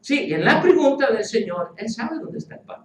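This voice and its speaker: Male pastor, animated and playful sermon delivery, heard from a distance in a roomy church. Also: extremely high pitch, moderate pace. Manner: animated, playful, acts out quoted voices. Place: church hall with congregation.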